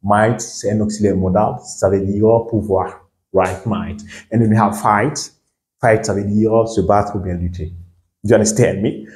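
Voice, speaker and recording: A patient man teaches a language lesson in a fairly low voice. He works through each point step by step and keeps checking that the learners follow. The recording has a roomy echo. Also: steady tone, unhurried, a little mellow. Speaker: English teacher. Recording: echoey room.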